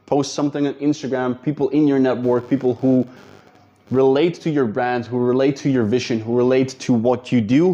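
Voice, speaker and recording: Speaking in a mellow, medium-pitched voice, a Dutch-accented man gives direct, informal business advice to his video audience, calling them guys. The audio is muffled.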